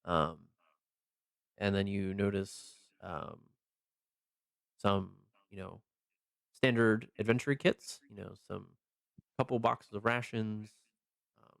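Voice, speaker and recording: Low-voiced, halting male game master. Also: steady tone, vocal fry, no echo, clean studio sound. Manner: halting, hesitant, pausing mid-sentence. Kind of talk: improvised tabletop game narration.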